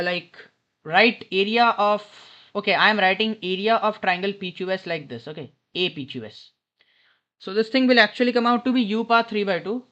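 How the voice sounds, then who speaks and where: High and fairly bright, this man's voice comes through a dull, lo-fi headset as he informally tutors maths from an airport lounge. He talks through a problem as he goes and often corrects himself.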